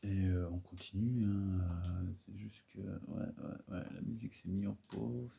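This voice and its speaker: Man narrating his build, low dark voice, halting delivery, casual and self-deprecating. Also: fairly even intonation, creaky, slightly rough. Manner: rambling, hesitant, many fillers, self-mocking. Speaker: Lego builder and video host.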